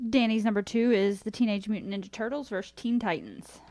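A woman co-host reading out listener picks in a brisk, matter-of-fact way. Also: mid-range voice, a little mellow, dry recording. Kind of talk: casual chat.

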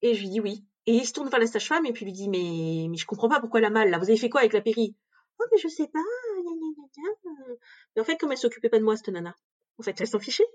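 A woman's voice: a little high, animated, highs cut off. A young adult woman giving a frank, conversational account of a hard personal experience as a podcast guest. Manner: frank, fast and conversational, full of fillers. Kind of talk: candid personal testimony.

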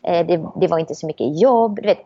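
A woman with a lowish, dark, slightly rough voice speaks as a guest in a casual conversation, reflective and optimistic, frequently restarting her thoughts. The recording is dry and sounds a bit dull.

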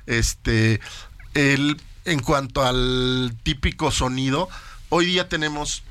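A man, a dentist guest explaining things in casual chat, with many pauses and fillers. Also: medium pitch, a bit bright, clear, resonant tone.

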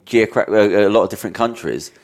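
A man's voice: fairly low pitch, fast. A man hosting a podcast, musing his way through hesitant questions to his guest. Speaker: podcast host. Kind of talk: casual interview chat.

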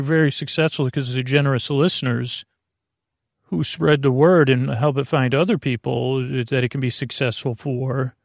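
A male podcast host with a creaky, medium-pitched voice rambles through a bedtime sleep monologue, meandering and halting, often cutting himself off in a soothing, lulling manner. The recording is studio quality with no room sound.

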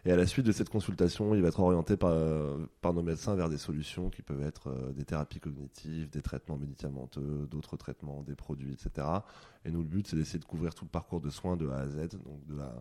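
Male interview guest, mellow and deep, rough morning voice, colloquial delivery. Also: fairly even intonation, fast. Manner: informal, colloquial phrasing. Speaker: podcast guest, health start-up cofounder. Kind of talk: casual interview conversation.

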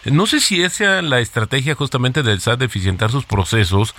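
A man's voice: mid-range voice, animated, fairly quick, sharp tone. A man, a radio interviewer asking long, winding questions with fillers.

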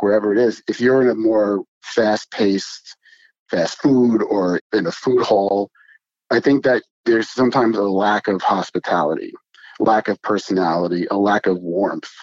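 A man's voice: fairly low pitch, a little mellow, no echo, muffled recording. A man who co-owns a restaurant, answering interview questions in an earnest, emphatic way and building his points in lists. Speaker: restaurant co-owner.

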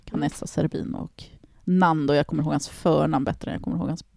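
A woman with a gravelly, creaky voice tells a story in casual chat. She is animated, swears freely and acts out the people in her story. The sound is close and dry. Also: low-pitched, no echo. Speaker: podcast host telling a story.

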